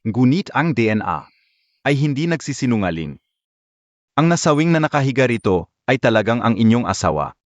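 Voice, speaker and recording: A man plays a calm medical examiner in a dubbed drama, giving bad news formally in a lively voice. The sound is dry and close. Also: mid-range voice, no room sound, muffled recording, natural voice. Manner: formal, measured. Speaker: doctor or coroner. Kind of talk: dubbed short drama acting.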